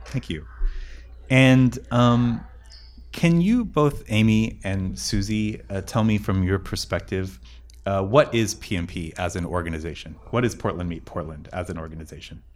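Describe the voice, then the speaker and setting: A man's voice: low voice, normal speed, darkish tone. A man hosting a podcast interview, reading an introduction and then asking hesitant questions full of fillers. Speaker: podcast host.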